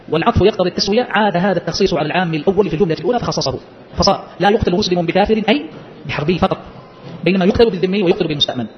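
A man who teaches Islamic jurisprudence explains a legal-theory text very fast, constantly quizzing listeners with quick, short rhetorical questions. His voice is high, and the recording sounds slightly muffled with a little hiss or hum.

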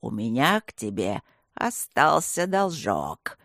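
A woman voicing a demonic evil spirit that possesses a young girl, speaking in a slow, creaking, droning, inhuman voice. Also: a bass voice, sing-song, a bit bright, no room sound, studio quality, voice pushed down, full character voice. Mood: menacing. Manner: slow, menacing, mocking.

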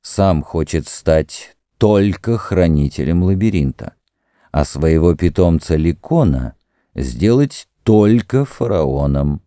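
A man doing a cool, cynical high priest. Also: lively intonation, slow, warm tone, no room sound. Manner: dry and indifferent.

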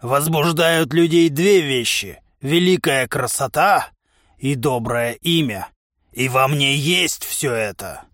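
A man voicing a pompous, boastful giant of a prisoner who declaims slowly and grandly, his sulky dignity never slipping. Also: medium pitch, expressive, a bit bright, no echo. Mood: grandiose. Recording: dry close studio sound.

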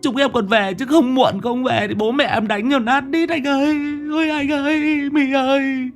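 A man's voice: very high voice, fairly even intonation, normal speed, soft background music, pitched above the performer's own voice. A man voicing a terrified village boy who stammers and begs. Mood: terrified begging. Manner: stammering, begging.

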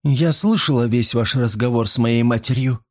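A woman's voice: very deep voice, lively intonation, slow, darkish tone, voice pushed up, full character voice. A man voicing a proud, fierce young woman, speaking defiantly in an audiobook. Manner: defiant, insistent.

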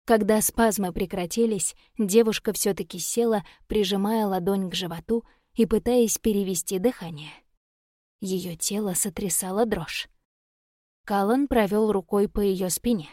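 A woman's voice: medium pitch, no room sound. Woman narrating a fantasy audiobook, dry. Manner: even, measured reading. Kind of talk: scripted narration.

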